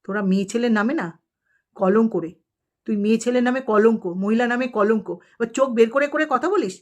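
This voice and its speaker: Woman vlogger going off at someone, scolding and insulting, fairly high voice, lots of "you get it?" questions. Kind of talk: angry rant at a rival.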